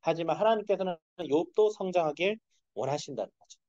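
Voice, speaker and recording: A man's voice: fairly high pitch, animated, fairly quick, dark tone, no echo. A man giving a casual, conversational sermon at a dawn school service, often asking his listeners rhetorical questions. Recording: dull, dry lo-fi sound.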